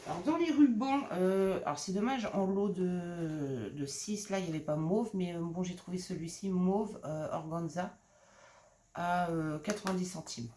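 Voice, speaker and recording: A woman's voice: fairly low pitch, normal speed, warm tone, slight background noise. A middle-aged woman from France casually showing off a craft-supply haul, hesitating with many fillers and repeated words as she handles each item. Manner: hesitant, full of "euh" and repeated words while showing items. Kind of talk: casual show-and-tell haul chat. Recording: clear crinkling of packaging and clicks.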